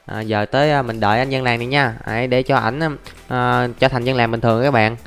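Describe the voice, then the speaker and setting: Young guy doing lets play commentary, chatty, talks viewers thru every move, soft music under it. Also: medium pitch, fairly even intonation, brisk, clear, resonant tone. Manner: chatty, narrates each step, often calls out to viewers. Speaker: gaming YouTuber. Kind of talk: casual Let's Play commentary. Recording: faint background music.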